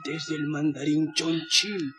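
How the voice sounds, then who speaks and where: An actor playing a frail, wise old Chinese helper in a children's audio fairy tale, speaking solemnly. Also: male voice, a little high, steady tone, slow pace, pushed and bright, a little hiss or hum. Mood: solemn, helpful. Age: older. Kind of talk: children's audio adventure acting.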